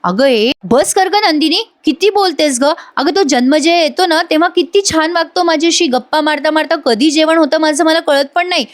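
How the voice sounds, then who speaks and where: Woman voicing a young wife snapping, loud and high. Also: normal speed, few pauses, natural voice. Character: young wife scolding her husband.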